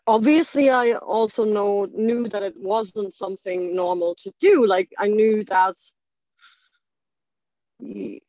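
Sharing her life story in a candid, personal way, a German woman hesitates often, filling her speech with "like" and starting over. Her medium-pitched voice has a darkish tone, and the recording is dull, lo-fi, and dry.

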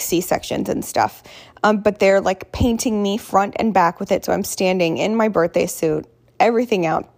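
A woman talks casually as if recounting her day to a friend. Her voice is hoarse, with plenty of creaky fry at an average pitch. She rambles candidly and pokes fun at herself as she goes. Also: darkish tone. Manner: candid, rambling, self-deprecating, quotes others in dialogue. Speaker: vlogger. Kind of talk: casual personal storytelling.

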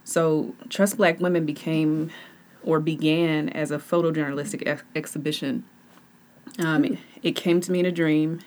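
A woman with a very low, grounded voice co-hosts a podcast. She talks in a relaxed, easygoing way and laughs easily. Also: normal speed. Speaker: podcast co-host. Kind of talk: casual conversation.

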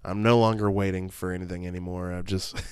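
A man's voice: low voice, little pitch movement, fairly quick, darkish tone, clean tone, no room sound, studio quality. A man in his late thirties hosting a solo podcast, rambling and swearing casually as he talks to his listeners. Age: 30s. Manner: rambling, profane, self-deprecating. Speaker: podcast host.

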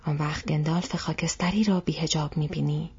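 A woman's voice: steady tone, darkish tone, husky, exaggerated voice. Gandalf, a woman voicing a stern old wizard. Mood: stern, grave. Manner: low, measured, half-whispered. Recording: dull lo-fi recording.

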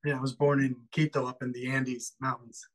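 A man from Ecuador talks easily as an interview guest, at a middle pitch. His speech is friendly and relaxed, and he pauses now and then to find his words. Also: low-quality recording. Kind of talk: casual interview conversation.

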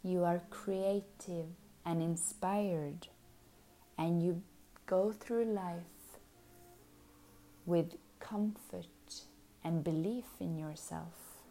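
A woman guiding a hypnosis session, speaking softly and soothingly, often slipping into a whisper. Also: lowish voice, fairly even intonation, slight background noise. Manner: slow, soothing, drifting into soft whispers.

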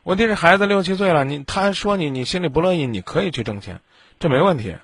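A man's voice: a little high, lively intonation, fast, a bit bright, slightly rough. A man with a Beijing accent hosting a relationship advice call-in, bluntly scolding with rhetorical questions. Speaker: advice show host.

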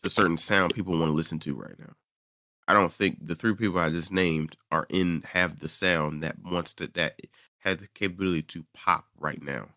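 A man's voice: deep voice, fairly even intonation, normal speed, pushed and bright, dry recording, studio quality. A tired young man hosting a casual podcast chat, rambling and correcting himself as he goes. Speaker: podcast host.

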